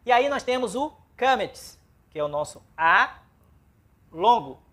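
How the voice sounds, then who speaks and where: A woman's voice: a little high, very animated, unhurried, fairly bright tone. A woman with a Brazilian Portuguese accent teaching a Biblical Hebrew class, spelling out syllables and repeating words aloud for practice. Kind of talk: classroom lesson.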